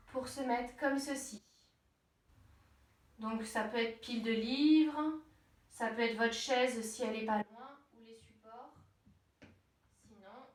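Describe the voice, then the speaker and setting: A soothing female yoga teacher with a high voice guides a gentle class one cue at a time. She speaks slowly and with measured care. The sound is roomy and echoing. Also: a little hiss or hum. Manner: soothing, measured step-by-step cueing. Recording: roomy echo, distant from mic.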